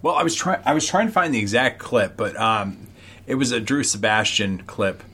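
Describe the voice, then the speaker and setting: A man's voice: mid-range voice, expressive, moderate pace, bright, forceful tone, slightly rough. A man co-hosting a podcast with blunt, crude casual banter. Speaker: podcast co-host. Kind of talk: casual chat.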